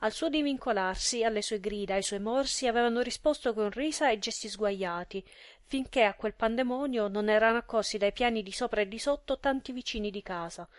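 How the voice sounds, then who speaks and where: A woman narrating a literary story in a measured, expressive storytelling manner. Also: a little high, no room sound, clean studio sound. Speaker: audiobook narrator.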